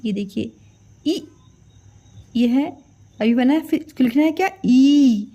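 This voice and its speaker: A woman's voice: high-pitched, slow, dark tone, muffled recording. A woman teacher giving a children's alphabet lesson, patiently repeating each sound and quizzing the children. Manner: mixes English drawing words into her talk. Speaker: Hindi teacher.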